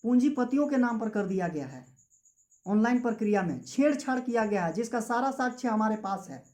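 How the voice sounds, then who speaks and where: A young student activist from Jharkhand, India, with a Jharkhand Hindi accent, makes a fervent political speech full of repetitive rhetoric. He speaks fairly quickly in a high, animated voice with a darkish tone.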